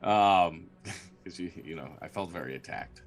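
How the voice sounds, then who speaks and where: A man's voice: sits low, measured pace, faint music behind. A man acting as game master, improvising narration for a tabletop role-playing game.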